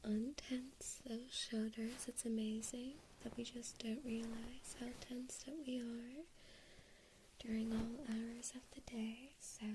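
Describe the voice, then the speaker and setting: A woman's voice: on the high side, flat delivery, takes it slowly, noisy background. A woman whispering a doting, teasing ASMR roleplay into a close microphone. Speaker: ASMR creator. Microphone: close microphone, mouth near the ears.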